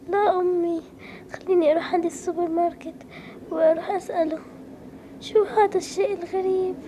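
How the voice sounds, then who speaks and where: Lost, tearful little girl, voiced by a woman for a game story; very high, soft voice, pleading and weepy. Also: a little hiss or hum. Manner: weepy, pleading calls for her mother. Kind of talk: Roblox story role-play voicing.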